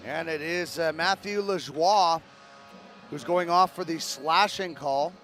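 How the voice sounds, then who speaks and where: A man calling live hockey play-by-play, brisk and rising with the action. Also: on the high side, fairly bright tone, faint music behind. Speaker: play-by-play commentator.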